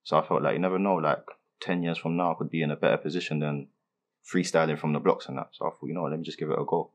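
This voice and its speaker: Brief: young London rapper, very low voice, quick slangy answers. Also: male voice, steady tone. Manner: laid-back street slang, many fillers. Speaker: rapper being interviewed. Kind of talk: casual interview answers.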